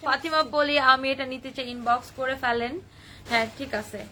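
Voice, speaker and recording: A young woman hosting a live shopping stream, excitedly gushing over sari colors and reading out buyers' comments. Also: sits high, a little fast, recorded from a distance. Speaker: live sale host.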